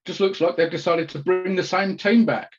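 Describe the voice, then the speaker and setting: Dry-witted podcast guest, man, slightly high voice, lo-fi audio. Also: fairly even intonation, moderate pace, faint music behind. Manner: dry, wry understatement. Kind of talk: casual chat. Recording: dull lo-fi audio.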